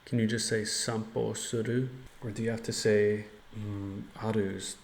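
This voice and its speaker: Man, slightly deep voice, English speaker, halting practice, thinking aloud. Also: little pitch movement, slight background noise. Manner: halting and deliberate when forming Japanese phrases. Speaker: language learner.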